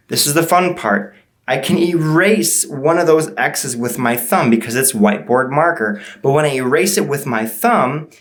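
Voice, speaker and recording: A woman with a low-pitched voice plays to children as a party magician. She teases playfully and coaxes them along with questions in magic show patter. The sound is roomy and echoing.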